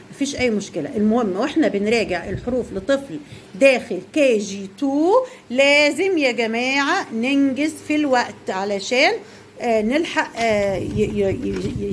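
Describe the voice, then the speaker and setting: With a fairly high pitch and a little hiss or hum in the audio, a young woman teacher speaking with an Egyptian Arabic accent encourages young pupils, quizzing and praising them as she explains to parents.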